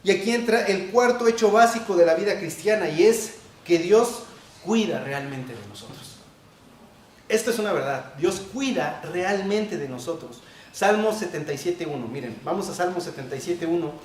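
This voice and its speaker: A male pastor preaching a sermon, repeating key phrases and swinging between loud emphasis and quiet asides. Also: high-pitched, animated, moderate pace, a little hiss or hum. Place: church hall. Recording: echoey church hall, distant mic.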